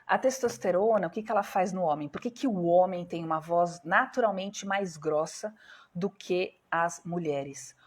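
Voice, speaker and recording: A woman with a Brazilian Portuguese accent hosts a live stream as a doctor, walking through things step by step and asking her viewers questions she then answers herself. Her voice is lowish and slightly rough, at a normal pace.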